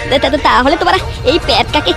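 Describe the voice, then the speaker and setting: Cocky cartoon thug, voiced by a woman, rapid high squeaky lines, swears constantly, lively, music loud. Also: gravelly. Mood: brash. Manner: fast, crude, swaggering. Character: cocky foul-mouthed young male gang member. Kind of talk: comic cartoon dubbing.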